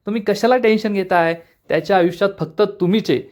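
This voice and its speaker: A man's voice: sits high, quick pace, lightly acted. A man reading the lines of a practical, scheming young sister-in-law in a serial recap. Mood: plotting.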